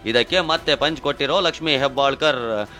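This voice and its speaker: A man's voice: mid-range voice, fairly quick, sharp tone. A man narrating a scripted news report in a dramatic, punchy style, with a Kannada accent.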